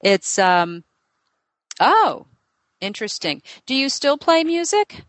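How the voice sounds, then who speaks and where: A woman with a high, very animated and fairly bright voice is recorded dry. She's a psychic medium doing a live reading with a client, thinking aloud with lots of fillers. She fires off many quick questions one after another.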